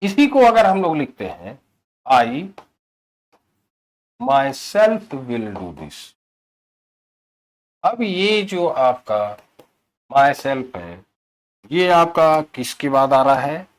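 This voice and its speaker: A man teaching English grammar in a classroom-style video lesson. He mixes Hindi with English terms, stresses key words and slows right down for example sentences. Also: fairly high pitch, lively intonation. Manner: explains in Hindi mixed with English terms, asks "ठीक है?" often.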